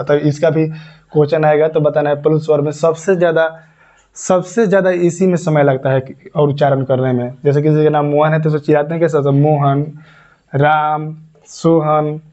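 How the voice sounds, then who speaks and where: A man's voice: a little high, mellow. A man teaching a grammar lesson step by step, repeating points and asking and answering his own questions. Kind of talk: classroom lesson. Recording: dull lo-fi recording.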